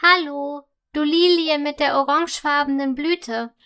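A woman's voice: high-pitched, fairly even intonation, unhurried, sharp tone, exaggerated voice. A woman voicing a bold, impatient male crocus flower in a children's audio story, calling out firmly.

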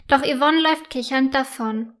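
A woman narrating a children's story in a slow, clear, gentle storytelling manner. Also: high-pitched.

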